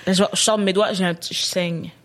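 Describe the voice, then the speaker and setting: A woman with a Québécois accent, hosting a podcast and telling a story in casual chat, animated and laughing often. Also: fairly low pitch, a little fast. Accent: Québécois French. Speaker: podcast host.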